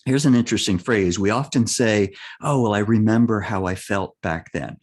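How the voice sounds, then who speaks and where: A man's voice: lowish voice, normal speed, a little mellow. A man speaking as an interview guest, a life and business coach, explaining his ideas earnestly and often checking in with "right?". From United States.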